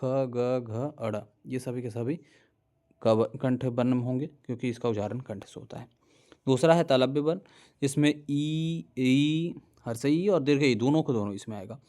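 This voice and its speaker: A man's voice: mid-range voice, mellow. A young man teaching a grammar lesson, explaining step by step, repeating each letter aloud and checking in with his listeners.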